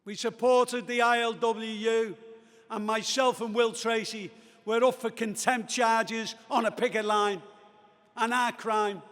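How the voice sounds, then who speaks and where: An older Australian man with a hoarse, fading voice gives a rousing keynote speech as a union speaker. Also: sits high. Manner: rousing, rising to shouted emphasis. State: losing his voice. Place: large convention hall. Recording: reverberant convention hall.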